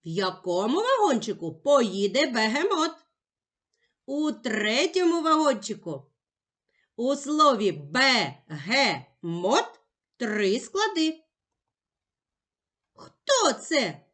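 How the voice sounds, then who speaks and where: A woman teacher giving a slow, clearly articulated lesson for young children. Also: fairly high pitch, wildly swooping pitch, fairly bright tone.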